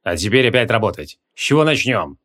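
A male audiobook reader voicing a stern, grumbling male archmage who lectures in a gruff way. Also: on the low side, big pitch swings, fairly quick, a bit bright. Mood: tired.

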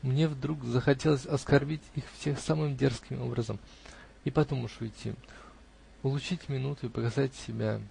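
A man reading a classic novel aloud in the first person, with expressive storytelling. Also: medium pitch, moderate pace, gravelly, a little hiss or hum.

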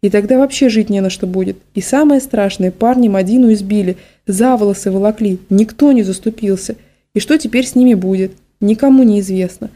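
A woman narrating a story in a calm, measured reading. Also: medium pitch. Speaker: audiobook narrator.

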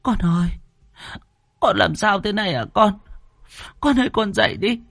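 A man's voice: on the high side, animated, unhurried, dry recording, studio quality, pitched above the performer's own voice. A man voicing an older mother who pleads tearfully and frets over her son in a ghost story reading. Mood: tearful pleading.

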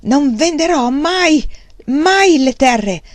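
A woman voicing a desperate, starving male peasant farmer who shouts his defiance. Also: sits high, lively intonation, extremely slow, dry recording, pitched above the performer's own voice, full character voice. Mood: furious.

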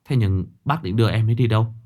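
A man's voice: on the low side, quick pace, a little mellow, natural voice. A man voicing a devoted young boyfriend who speaks earnestly and emotionally. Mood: anxious.

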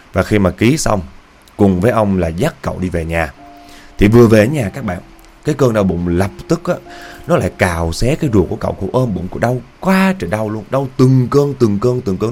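A man telling a horror story to viewers in a casual, emphatic way. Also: lowish voice. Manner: animated, emphatic repetition.

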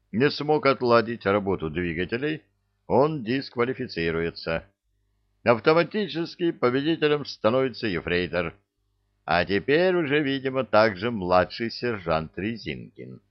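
A man's voice: on the low side, big pitch swings, measured pace, no echo, lo-fi sound. A man voicing a blunt, commanding middle-aged army lieutenant colonel. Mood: stern.

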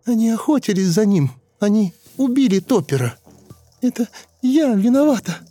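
A man voicing a grown woman regressed to a shrill, sobbing ten-year-old girl in a dramatic audiobook reading. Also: sing-song, moderate pace, dark tone, no room sound, soft background music. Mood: sobbing, hateful. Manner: high shrill childish wailing, pleading and vengeful.

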